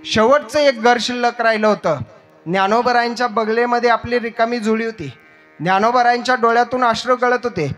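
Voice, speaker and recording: A man's voice: very high voice, brisk, a bit bright, faint music behind. A man telling a devotional story as a kirtan preacher, dramatic and emotive.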